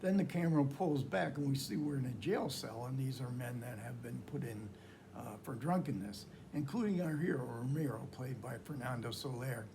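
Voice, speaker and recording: Male film lecturer, mid-range voice, informal and halting storytelling, light noise behind him. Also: medium pitch, gravelly, dark tone. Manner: halting, searching delivery with repeated phrases. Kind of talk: informal film talk recounting history and plot.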